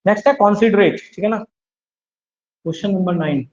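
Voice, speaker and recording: A man's voice: sits high, a little fast, a little mellow, highs cut off. A man teaching English vocabulary in an online exam-prep class, drilling students with repeated questions and mixing English words into Hindi explanations.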